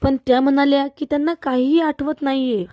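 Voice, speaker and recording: Brief: woman doing earnest young wife, high, dry. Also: fairly even intonation, brisk, warm tone, dry recording, natural voice.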